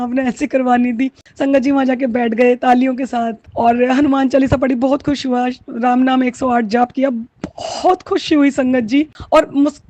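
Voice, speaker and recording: A woman's voice: sits high, mellow, no echo. A woman, sharing a heartfelt, tearful devotional testimony. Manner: tearful, heartfelt, mixes Hindi with Punjabi and English words.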